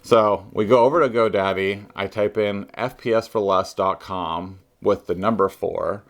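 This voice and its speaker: A man with a low, deep voice talks straight to his camera in an unscripted home vlog. He rambles along, filling gaps with ums and circling back to restart his sentences. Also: steady tone, moderate pace. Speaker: vlogger.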